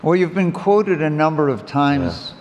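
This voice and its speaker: A man moderating an interview on a conference stage, putting questions to his guest in a measured way and relaying questions from the audience. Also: fairly high pitch, lively intonation, darkish tone, lo-fi sound. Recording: hall reverb with faint noise.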